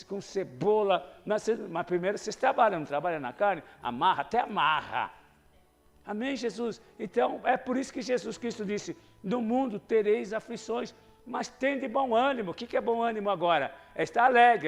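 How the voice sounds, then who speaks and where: Gravelly high-voiced preacher. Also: male voice. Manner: conversational preaching, swings from soft asides to loud exhortation. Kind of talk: sermon.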